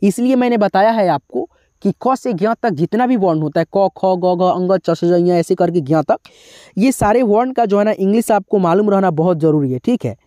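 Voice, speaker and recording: A woman's voice: mid-range voice, animated, moderate pace, dark tone, no room sound, studio quality. A woman teaching a spelling lesson, reading out syllables one by one and adding short explanations. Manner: drills syllables letter by letter, adds brief explanations.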